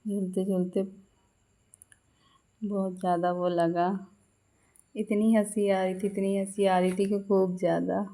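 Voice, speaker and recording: A woman's voice: medium pitch, flat delivery, a little slow, pauses often, warm tone. A woman in her thirties with a Madhya Pradesh Hindi accent, chatting through a vlog voice-over and laughing often as she tells the story. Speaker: vlogger. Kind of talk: casual vlog voice-over narration.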